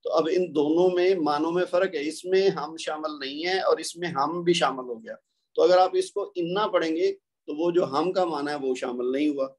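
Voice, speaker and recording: Speaking with a Pakistani Urdu accent in a slightly high voice, this Quran recitation teacher delivers a recorded tajweed lecture. He takes his time with word pairs, slowing down to set one against the other.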